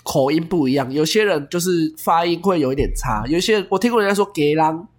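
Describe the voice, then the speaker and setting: This is a Taiwanese-accented podcast co-host with a clearly stuffy, nasal voice. The delivery is casual and lively in pitch, moving between chat and patient explanation of pronunciation. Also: fast. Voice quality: stuffy nose, congested nasal sound. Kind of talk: casual chat and language teaching.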